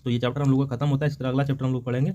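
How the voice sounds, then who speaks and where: A male teacher with an Indian accent slowly reads out poem lines, then repeats and explains them to schoolchildren, often adding "है ना". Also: mid-range voice, little pitch movement, warm tone, lo-fi sound.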